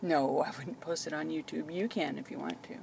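A woman's voice: deep voice, steady tone, a little fast, a little mellow. A woman chatting casually as a caregiver, explaining things simply and reassuringly. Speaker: caregiver filming a patient. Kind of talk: casual chat. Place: inside a parked car. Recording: clearly noisy in-car recording.

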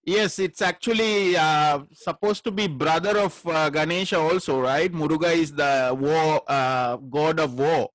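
Male host from Sri Lanka, slightly high voice, hesitant, dry close-mic sound. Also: measured pace, hardly any pauses, a bit bright, no room sound, poor audio. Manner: hesitant, many fillers, frequent "right" affirmations. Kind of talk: video call interview. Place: home room. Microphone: close mic on a stand.

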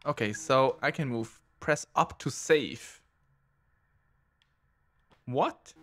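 A man's voice: medium pitch, extremely slow, a bit bright. A man giving casual commentary on a first playthrough, rambling and self-deprecating as he reads on-screen text aloud. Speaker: let's play gamer.

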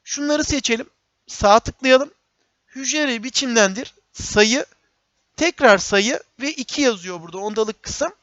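Man giving a dull lo-fi software tutorial. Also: very high-pitched, animated, a little slow, dry recording. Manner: step-by-step, repeats phrases, addresses viewers as friends. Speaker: instructor. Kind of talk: screen-recorded software tutorial. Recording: dull, dry lo-fi recording.

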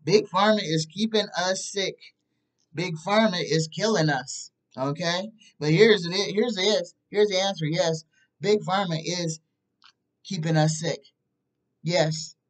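A woman in her fifties talks slowly to her webcam from a small room at home. She is emphatic and keeps checking in with "okay?" as she makes her points. She sits a little back from the mic. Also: lowish voice, far from the mic, poor audio. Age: 50s. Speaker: psychic tarot reader. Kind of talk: casual talk to camera. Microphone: webcam at desk distance.

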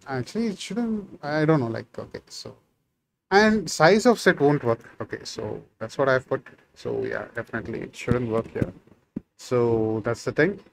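A Tamil-native man in his thirties with a voice on the high side tutors programming casually via screen share from a small room, musing aloud and using many fillers. Slight background noise is present.

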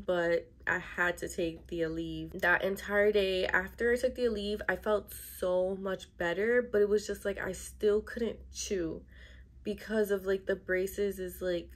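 This young adult vlogger talks to camera indoors in her bedroom, her voice lowish, level and unhurried. Her delivery is casual yet emphatic, with a complaining streak.

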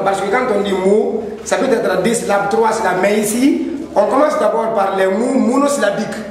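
High-voiced man teaching in an echoey hall. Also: a little mellow. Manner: repeats and rephrases points, switches between French and Maninka. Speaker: literacy teacher. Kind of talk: explanatory lesson. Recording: very echoey hall with faint noise.

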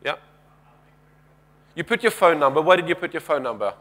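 A man's voice: a little high, animated, fairly quick, fairly bright tone. Guy in his 30s doing a keynote on a big stage, headset mic, chatty, lots of restarts. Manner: conversational, questions the audience, frequent restarts; paces the stage with gestures. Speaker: keynote speaker. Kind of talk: conference keynote talk. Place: large conference stage.

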